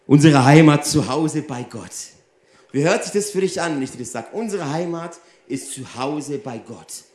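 A man's voice: a little high, normal speed, echoey room. A man preaching a sermon who talks straight to his listeners and keeps asking them rhetorical questions. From Germany. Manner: animated, addresses the audience directly with rhetorical questions.

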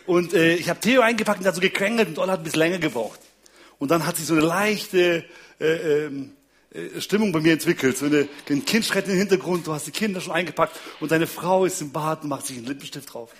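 A man giving a comedic marriage talk recounts tales of his wife and kids, laughing often and frequently addressing his listeners. His voice is fairly high and a bit bright, and he speaks at a quick pace.

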